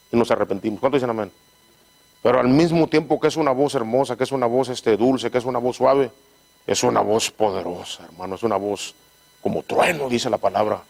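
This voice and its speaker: A pastor with a medium-pitched, darkish voice preaches a sermon in call-and-response style, frequently asking "¿verdad?" to get his congregation's agreement. He reads scripture aloud haltingly, stumbling and repeating words.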